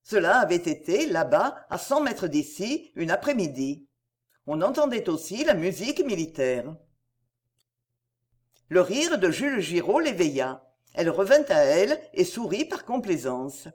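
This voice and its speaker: A woman narrating a novel as an audiobook, measured and expressive. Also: fairly low pitch.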